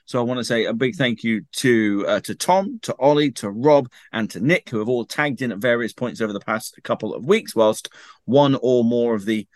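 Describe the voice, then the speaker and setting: A man's voice: mid-range voice, moderate pace, no echo, clean studio sound. A man hosting a casual football podcast, upbeat and jokey as he steers the chat, just back from being ill. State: just recovered from illness. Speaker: podcast host.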